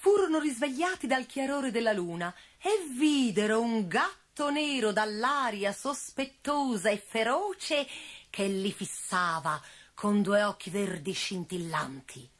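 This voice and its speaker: A woman reading a children's fairy tale aloud as a storyteller, in an expressive, animated way. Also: fairly high pitch, measured pace. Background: faint music.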